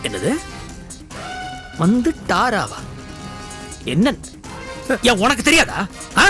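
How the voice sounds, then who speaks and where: An actor playing a vengeful, hot-tempered young man in a TV serial who shouts, threatens and chokes up. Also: high voice, wildly swooping pitch, slow pace, heavily acted. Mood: menacing interrogation. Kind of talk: TV serial acting. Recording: loud background music score.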